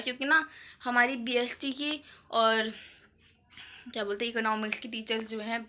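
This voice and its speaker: A woman's voice: on the high side, sharp tone. A teenage girl vlogging about her school day in a chatty, rambling way. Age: teens. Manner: chatty, filler-heavy storytelling. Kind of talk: casual vlog chat.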